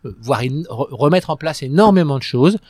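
A man's voice: a little high, animated, moderate pace, a little mellow, no room sound, studio quality. A man being interviewed about his career in business, talking in a conversational way and often repeating words and restarting his sentences. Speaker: guest, business executive.

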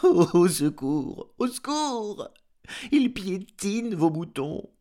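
A yelping, panicky talking farm dog from a storybook reading. The voice leaps far above his own and swoops wildly, drawn out into shrill, wailing cries. He stays cheeky even in his panic. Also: extremely slow, full character voice. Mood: panicked.

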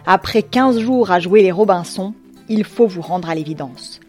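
A woman narrates a scripted story in the second person, voice sitting in a middle register. Her delivery is wry and ironic, with slangy asides. Soft music plays faintly behind her. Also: mid-range voice, normal speed.

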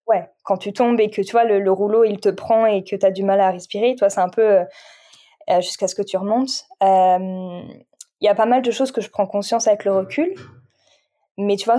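A woman's voice: mid-range voice, steady tone, moderate pace, mellow. A woman guest on a podcast, talking frankly and reflectively in a casual conversation, often restarting her sentences.

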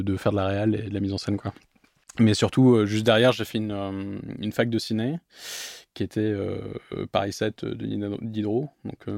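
Gravelly, rambling young man. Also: on the low side, darkish tone, no room sound, clean studio sound. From England. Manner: rambling, long answers. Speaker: guest filmmaker. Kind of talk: casual interview.

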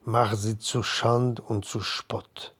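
Male story reader, mid-pitched, husky, unhurried, measured. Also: level tone. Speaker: narrator. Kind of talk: literary story reading.

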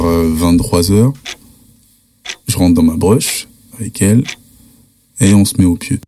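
A young man from France recounts a creepy night in a loose, slangy way. His voice sits low and dark, with a mellow tone. Faint music plays underneath. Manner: slangy, lively retelling. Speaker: storyteller. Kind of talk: casual spooky anecdote.

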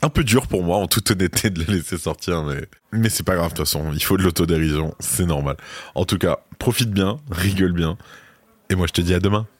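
Low-voiced French podcast host, a man. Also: a little fast, husky, dry recording. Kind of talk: casual podcast talk.

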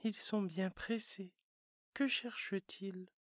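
A narrator voicing a gentle, curious little boy prince in a whispered role-play, hushed and slow. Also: medium pitch, fairly even intonation, dry recording, studio quality.

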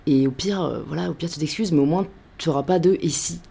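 A woman hosting a casual interview, relaxed and reflective as she asks her questions. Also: deep voice, fast talker, vocal fry, breathy edge. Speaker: podcast host.

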